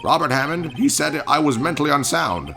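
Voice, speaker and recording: A man's voice: fairly high pitch, big pitch swings, fairly quick, gravelly, pushed and bright, soft background music, voice pushed up, full character voice. A man voicing a grumpy old man, a bitter former bailiff confessing his crime in video game dialogue. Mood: bitter, confessional.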